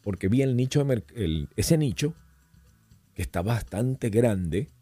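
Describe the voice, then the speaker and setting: Un hombre invitado a un pódcast, que cuenta historias de forma animada y coloquial, con muchas frases que se reinician. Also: male voice, on the low side, measured pace, breathy edge, dry recording. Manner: animated, rambling storyteller with frequent restarts; colloquial, addresses host as "hermano". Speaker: podcast guest. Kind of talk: casual storytelling chat.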